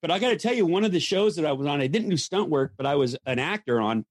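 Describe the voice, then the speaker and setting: An older man, a former stuntman, telling animated anecdotes as a guest, acting out the voices of the people he quotes. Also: on the high side, fast, dry recording, clean studio sound. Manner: lively storyteller, acts out quoted voices, frequent restarts. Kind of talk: anecdotal storytelling.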